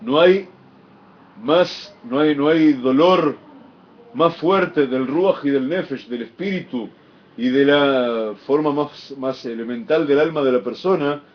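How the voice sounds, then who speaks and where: A man teaching a Torah lesson, explaining Hebrew text with expressive emphasis and chanted phrases. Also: medium pitch, slow pace. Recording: dull lo-fi recording.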